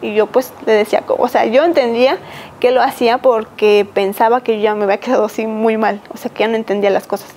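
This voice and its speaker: A Mexican woman in her thirties, a podcast guest giving a personal testimony, talking haltingly with many fillers and restarts. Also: on the high side, steady tone, a little mellow, slight background noise, low-quality recording. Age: 30s.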